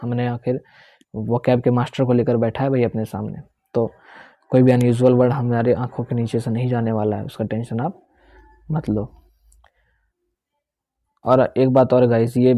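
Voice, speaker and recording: Dry, mellow-voiced male teacher. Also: mid-range voice, dry recording. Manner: explains step by step, repeats key words, checks in with "theek hai". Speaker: English vocabulary teacher. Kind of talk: Hindi-English lesson explaining pronunciation.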